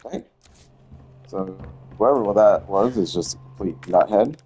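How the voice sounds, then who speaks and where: Deep mellow-voiced man playing a game. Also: unhurried, faint music behind. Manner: relaxed, wry, swears casually. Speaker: gameplay streamer. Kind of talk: casual let's-play commentary.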